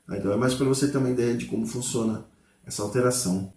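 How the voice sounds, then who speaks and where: A man's voice: medium pitch, fairly even intonation, racing, a little mellow, reverberant. A man giving a casual guitar lesson. He names the notes aloud as he plays and keeps checking in with the viewer. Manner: explains patiently, constant "tá?" and "né?" check-ins. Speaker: guitar teacher. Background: guitar playing.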